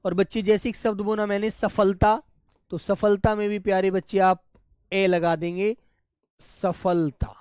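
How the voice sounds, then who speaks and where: Slow-spoken Hindi teacher drilling children. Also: male voice, high-pitched, flat delivery, clear, resonant tone, no room sound, studio quality. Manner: repeats each word slowly, addressing children warmly as "pyare bachche". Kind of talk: live online class lesson.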